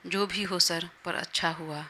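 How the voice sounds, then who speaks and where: A woman doing a deferential young male assistant in a storybook audio drama. He sounds polite and eager. The voice is bright and low, with a faint hiss behind it. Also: steady tone, unhurried.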